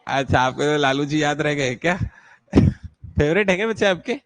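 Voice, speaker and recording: A man's voice: on the high side, animated, normal speed. A man teaching an online class, patiently quizzing students and checking whether anyone is struggling. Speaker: exam-prep English teacher.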